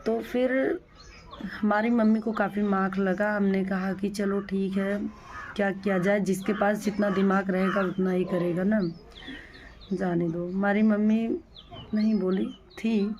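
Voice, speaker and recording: A woman's voice: mid-range voice, a little mellow, a little hiss or hum. A young adult woman talks straight to her viewers in a casual vlog. She retells events plainly, repeating herself and restarting her sentences often. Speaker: vlogger.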